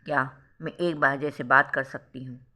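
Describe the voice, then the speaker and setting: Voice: mid-range voice, fairly even intonation, normal speed, sharp tone. A narrator doing a pleading, heartbroken young woman. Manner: pleading, tearful.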